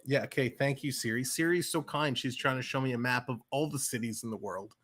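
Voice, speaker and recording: A brisk man with a mid-range, slightly bright voice and a Canadian accent from the Toronto area hosts a livestream. He offers casual play-by-play and chats with viewers, staying chatty, reading chat aloud and laughing easily.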